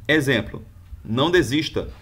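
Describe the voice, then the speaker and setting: A man teaches a grammar lesson at a middle pitch. He explains each rule didactically, step by step. He backs every rule with example sentences. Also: lively intonation, moderate pace, a bit bright, breathy edge. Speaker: Portuguese teacher.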